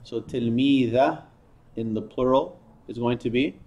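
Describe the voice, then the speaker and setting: A man's voice: medium pitch, measured pace, a little mellow. A man teaching a class, drilling words and patiently correcting and praising students. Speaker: Arabic teacher.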